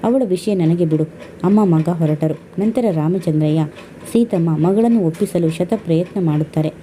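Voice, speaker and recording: A woman reads a story aloud at a steady pace. Her voice is low and warm-toned, with a faint hiss of noise behind it. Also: normal speed. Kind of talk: scripted narration.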